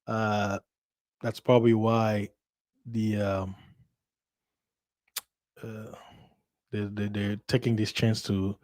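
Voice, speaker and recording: Low-ish and a little mellow, this man's voice comes out flat and slow, broken by frequent pauses. A Lingala-speaking livestream host from Central Africa, he talks to his audience in a casual, insistent monologue full of repetition, restarts and rhetorical questions.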